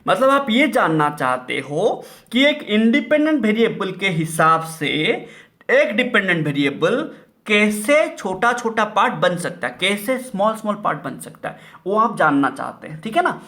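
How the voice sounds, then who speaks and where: A man's voice: sits high, very animated, normal speed, pushed and bright. A man teaching math, repeating key terms and asking rhetorical questions, mixing Hindi and English. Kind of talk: classroom-style lecture.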